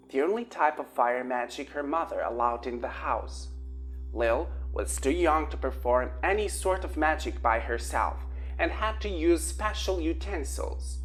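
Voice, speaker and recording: A woman reading an audiobook aloud with expressive storytelling. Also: a bass voice. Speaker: audiobook narrator. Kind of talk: audiobook narration.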